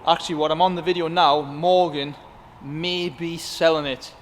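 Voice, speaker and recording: A man's voice: on the high side, fairly even intonation, moderate pace. A man hosting a casual walk-around vlog inside a car workshop, chatting with the mechanics. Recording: echoey workshop hall with faint background noise.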